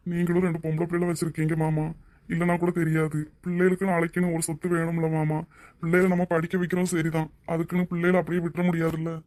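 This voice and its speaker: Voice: mid-range voice, level tone, quick pace, a little mellow, dry recording, lightly acted. A voice actor playing a grateful young policeman and devoted younger brother in a cartoon drama, speaking in an earnest, emotional way. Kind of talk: Tamil cartoon drama voice acting.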